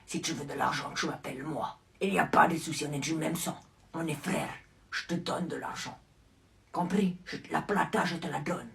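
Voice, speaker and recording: A man playing a boy who acts as a mafia little brother, muttering low threats in a comedy sketch. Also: fairly even intonation, normal speed, gravelly, fairly bright tone. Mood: menacing. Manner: low, muttered threats mixed with Spanish words.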